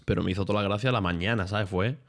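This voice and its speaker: A man's voice: lowish voice, fast talker. A young man, streaming and telling stories in casual chat, full of slang and swearing. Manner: animated storytelling with lots of slang and swearing.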